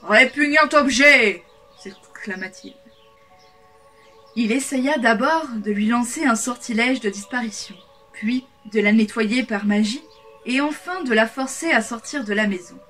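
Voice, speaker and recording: A woman reading a fairy tale aloud in a calm, measured way. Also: a little high. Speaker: storyteller. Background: soft background music.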